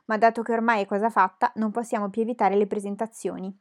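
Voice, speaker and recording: A wry, slow-spoken gentleman father, as a woman reader gives him voice, dry and ironic in a storybook reading. His words come measured, teasing his family with calm mockery. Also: mid-range voice, close to an everyday voice.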